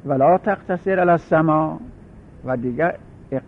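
Over thin, telephone-quality sound with a low rumble underneath, a man lectures a class on grammar. His approach is methodical: he repeats word patterns and spells each one out.

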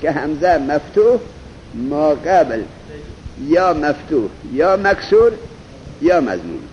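A male teacher gives a seminary-style grammar lesson, quizzing his students and drawing out example words slowly. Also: fairly high pitch, very animated, a little mellow. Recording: dull lo-fi recording with faint noise.

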